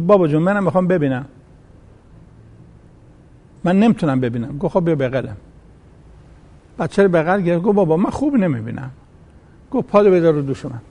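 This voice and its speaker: Male preacher, mellow dark tone, a bit high-pitched, recites verses and tells stories. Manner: quotes Arabic verses, acts out quoted voices in a story. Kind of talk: sermon with a told story.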